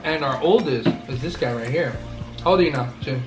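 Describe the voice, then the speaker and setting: Young man co-hosting an eating vlog. Relaxed, filler-laced talk, roomy sound, clear music behind. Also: medium pitch, a little fast. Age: 20s. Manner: easygoing, repeats "you know". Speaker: co-host, father. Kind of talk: casual chat while eating. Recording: echoey room with music playing.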